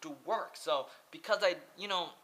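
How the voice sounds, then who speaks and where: Rambling young American man, bright voice. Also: high-pitched, moderate pace. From Oregon, USA. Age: 20s. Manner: rambling and earnest, heavy use of "like", repeats himself. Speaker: vlogger and English teacher. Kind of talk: casual to-camera monologue. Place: small indoor room. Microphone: laptop webcam close up.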